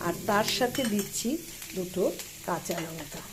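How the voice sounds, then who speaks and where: A cooking channel host with a lowish voice chats at a moderate pace through a casual demonstration in her home kitchen, explaining each step as she goes. Loud frying noise dominates the recording, with sizzling and clattering pots behind her.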